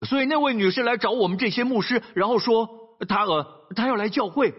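A male pastor preaching a sermon, telling a story in an animated way and often asking his listeners "right?". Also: extremely high pitch, fairly quick, husky, lo-fi sound.

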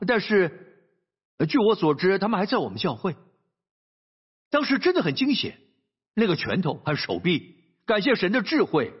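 A male pastor delivers a sermon in an animated storytelling style, with frequent rhetorical asides to his listeners. His voice is high, husky and very lively in pitch. The sound is dull and lo-fi, like a radio broadcast. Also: normal speed, long pauses.

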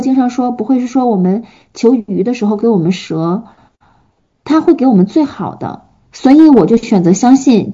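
Earnest woman preacher, dark husky voice. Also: mid-range voice, muffled recording. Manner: earnest, gentle, with frequent fillers. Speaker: pastor's wife answering questions. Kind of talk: sermon and Q&A teaching.

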